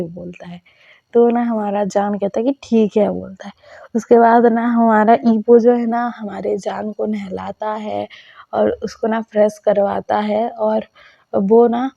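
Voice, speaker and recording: A woman's voice: medium pitch, creaky, dark tone, no echo, lo-fi sound. A woman telling a fan-fiction story in a chatty way with many fillers.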